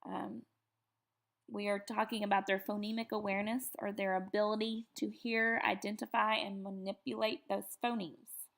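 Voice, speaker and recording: A woman giving an upbeat slide presentation to teachers, often pausing on fillers. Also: mid-range voice, little pitch movement, creaky, a bit bright. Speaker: teacher educator. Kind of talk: presentation lecture over slides.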